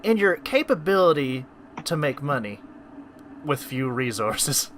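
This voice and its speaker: A man's voice: on the high side, sing-song, a little slow, fairly bright tone, slight background noise. A man lightly voicing a curious woman character. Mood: inquisitive. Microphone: online voice chat.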